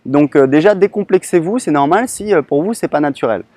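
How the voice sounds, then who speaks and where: A man's voice: on the high side, expressive, fairly quick, mellow, no echo. A man giving a casual lesson outdoors on a beach, speaking informally with many hesitations and restarts. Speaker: online English teacher.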